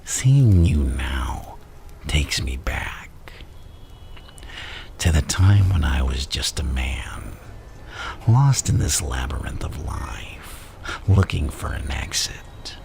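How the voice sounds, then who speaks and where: A man playing a theatrical, manipulative madman supervillain in an ASMR roleplay, speaking in a gravelly, breathy half-whisper and savouring each phrase. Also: a bass voice, very animated, slow, a little mellow, heavily acted. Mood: intimate, reflective menace. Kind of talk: ASMR villain roleplay monologue.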